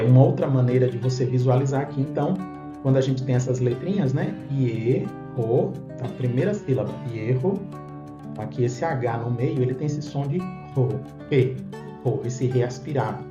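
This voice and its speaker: A man explaining a lesson, patient and methodical, checking in with listeners as he goes. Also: mid-range voice. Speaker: Bible teacher. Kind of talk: explanatory lesson on Hebrew phonetics. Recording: roomy, dull sound with faint guitar music.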